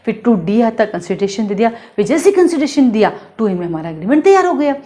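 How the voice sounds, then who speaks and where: Lively woman teaching law in Hindi. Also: fairly high pitch, quick pace. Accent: Hindi-medium Indian English words. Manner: lively, asks and answers her own questions, repeats points. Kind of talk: classroom lecture.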